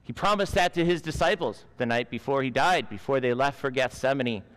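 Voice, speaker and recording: A man in his forties delivers a school chapel sermon in an earnest storytelling manner, on a headset mic. His voice sits at an ordinary middle pitch. It rings out with the long reverb of a large chapel. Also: a little fast, a bit bright. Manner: earnest storytelling, gesturing with both hands. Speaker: school chaplain preaching. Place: school chapel stage with a lectern.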